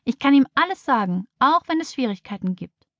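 A woman voicing a calm, trusting, devout little girl in a children's audiobook. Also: high-pitched, fairly quick, dry recording, pitched above the performer's own voice. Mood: earnest. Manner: earnest, sincere.

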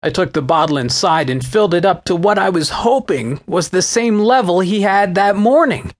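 A man narrating his own memoir as an audiobook, telling the story in a wry, animated way. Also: high voice, normal speed.

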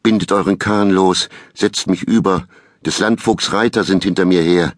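A man's voice: on the low side, fairly even intonation, normal speed, a bit bright, dry recording, clean studio sound, pitched above the performer's own voice, close to an everyday voice. A man voicing a desperate fleeing farmer who pleads breathlessly for help. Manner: panting, pleading.

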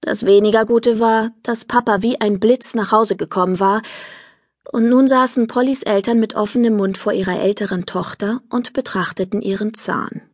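Female narrator, lively kids' audiobook read, dry booth sound. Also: mid-range voice, normal speed, dry recording. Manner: lively, expressive storytelling. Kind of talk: scripted narration of a children's book.

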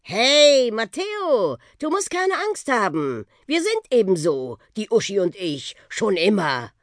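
A woman's voice: mid-range voice, huge pitch swings, slow, no room sound, studio quality, pitched above the performer's own voice. A woman voicing a cheerful, show-off old male talking bus in a children's audiobook. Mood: cheeky. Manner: cheerful, show-off, breathless boasts.

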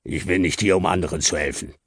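A man's voice: sits low, fast, creaky, breathy edge, no room sound, studio quality, exaggerated voice. Man doing a pompous dreamy chocolate Santa. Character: dreamy, pious male chocolate Santa, self-satisfied.

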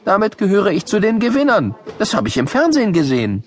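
A man's voice: high-pitched, wildly swooping pitch, fast talker. A man voicing a stubborn young schoolgirl in a children's audiobook, earnest and insistent. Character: stubborn schoolgirl who believes TV ads.

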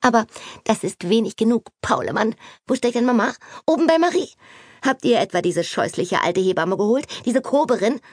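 A woman voicing an excitable, chattering young pregnant woman in an audiobook, gushing and breathless. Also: normal speed, no room sound, studio quality. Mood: gossiping. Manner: breathless, gushing, high-pitched. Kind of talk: audiobook character voice.

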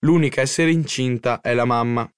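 A calm father answers slowly and plainly, with a touch of dry wit, as a man reading an audiobook does him. The voice stays low and steady in a dry, close recording. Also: smooth, no room sound, lightly acted. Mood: wry.

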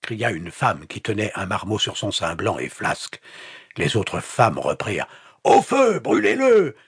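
A man narrating an audiobook in a measured, grave storytelling manner. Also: low voice, expressive, fairly bright tone, husky, no echo, clean studio sound. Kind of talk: scripted narration. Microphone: close studio mic.

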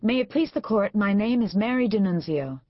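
A woman's voice: mid-range voice, expressive, moderate pace, no echo, pitched above the performer's own voice, natural voice. A woman voicing an eager, nervous young female lawyer in an audiobook, with a dull, dry studio sound.

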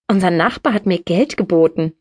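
A woman's voice: lowish voice, brisk, a little mellow, breathy edge, no echo, studio quality. A woman voicing a curious young woman who is short on money and asks many questions. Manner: inquisitive, surprised questions.

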